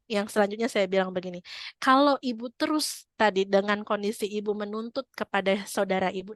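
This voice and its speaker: A woman's voice: medium pitch, dry recording. A woman religious teacher giving a study talk, chatting casually and dropping in Arabic phrases. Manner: conversational, mixing casual speech with Arabic phrases; acts out prayers and quotes with feeling.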